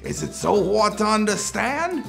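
A man playing an excitable, fatherly old apostle who chides with rhetorical questions in a comic children's monologue. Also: sits high, measured pace, vocal fry, soft background music, heavily acted. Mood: exasperated. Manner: chiding, rhetorical questions, nervous chuckles. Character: excitable, scolding, fatherly elderly Apostle Paul. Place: studio, costumed before a cartoon backdrop.

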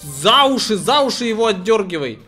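A man in excited, casual gameplay chat, throwing out mock threats and insults and often laughing. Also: high-pitched, a little fast, over loud music. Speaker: gamer in a co-op party game session.

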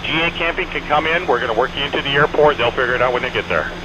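With a small airplane engine droning in the background, a mid-range male voice delivers rapid-fire, clipped instructions as an air traffic controller. He repeats his directives and adds polite sign-offs, all over band-limited aviation radio with engine noise.

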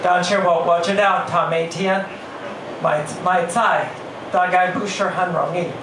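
An older man with a foreign, non-native Mandarin accent doing stand-up comedy in a halting, word-repeating way. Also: sits high, steady tone. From Western country. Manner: halting, repeating words as they search for phrasing. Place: small comedy bar, indoors. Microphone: handheld stage mic, heard through distant camera. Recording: echoey, noisy bar recorded from far off.

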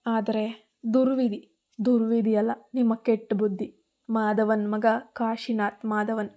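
A woman's voice: on the high side, level tone, a little slow, dark tone, natural voice. A woman voicing a vengeful young man who steadily accuses and threatens his old enemy. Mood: bitter, vengeful.

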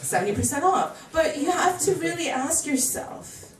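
High-pitched and moderately paced, with a touch of hiss or hum, an American woman in her thirties chats her way through a stand-up routine at a small bar comedy club. She's animated and performs voices for quotes. Her handheld mic is heard from a far camera, echoey and distant.

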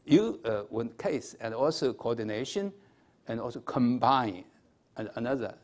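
A man in his sixties with a Chinese accent, giving a formal lecture at a podium in a halting, hesitant manner with repeated words. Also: mid-range voice, animated. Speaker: academic conference speaker. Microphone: podium microphone.

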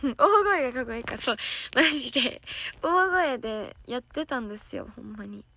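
A hoarse young woman with a Kansai accent, an idol trainee giggling and chatting casually with viewers on a livestream from a soundproof room. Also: fairly high pitch, expressive, brisk, pushed and bright, no echo. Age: young adult.

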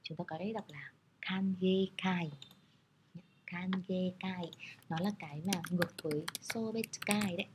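A woman's voice: lowish voice, brisk, few pauses, background noise. Patient woman explaining a kanji lesson. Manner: patient, explanatory, adds friendly particles. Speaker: Japanese kanji teacher. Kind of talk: explaining lesson over slides.

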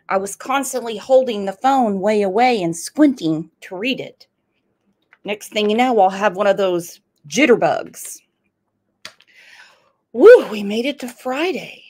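A middle-aged woman, hosting a live-stream chat in a chatty, playful way and tossing out exclamations. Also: mid-range voice. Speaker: host of a live true-crime channel.

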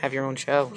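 A woman chatting casually at a bedside, teasing in a joking, affectionate way. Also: sits low. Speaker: patient's relative filming at the bedside. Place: hospital recovery room, indoors. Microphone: handheld phone. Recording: phone recording with background chatter.

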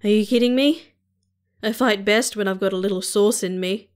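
A woman voicing an eager, slow-witted male crewman who is a bit tipsy. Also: mid-range voice, clear, resonant tone, natural voice.

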